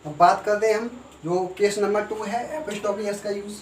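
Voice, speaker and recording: A man teaching a grammar lesson, who explains slowly and asks and answers his own questions. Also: sits high, steady tone. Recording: echoey room, voice from far off, faint noise.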